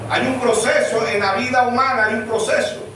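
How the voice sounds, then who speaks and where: A man preaching a sermon as pastor, animated and full of rhetorical questions. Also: extremely high pitch, fairly quick, noisy background. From Venezuela. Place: church sanctuary. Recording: echoey church room, mic far off.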